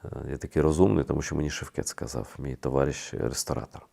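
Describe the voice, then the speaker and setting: A man with a very low, gravelly voice hosts his own video channel. He talks straight to viewers in emphatic commentary, firing rhetorical questions and often stopping to hesitate. The effect is a blunt, plain-spoken monologue. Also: fast, warm tone.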